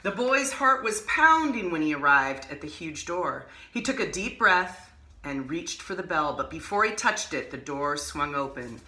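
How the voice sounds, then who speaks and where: Bright-toned woman reading a storybook aloud. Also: deep voice, roomy sound. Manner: expressive, animated storytelling with casual asides. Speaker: art teacher and host. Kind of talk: reading a picture book aloud.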